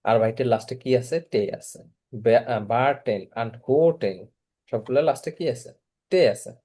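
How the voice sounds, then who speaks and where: A man's voice: medium pitch, moderate pace, warm tone. A man teaching German verb conjugation in an online class, patiently repeating each form and asking students to respond.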